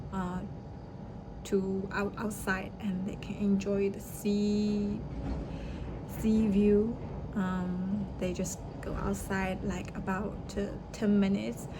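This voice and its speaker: A young native Chinese speaker delivers a personal, reflective monologue by the sea, full of fillers and restarts. Her medium-pitched voice is slow and stays fairly flat. The outdoor ambience is noisy.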